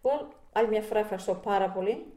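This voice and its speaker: A woman's voice: medium pitch, dark tone. A woman interviewer prompting with brief questions. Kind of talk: oral history interview. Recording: echoey room, off-mic.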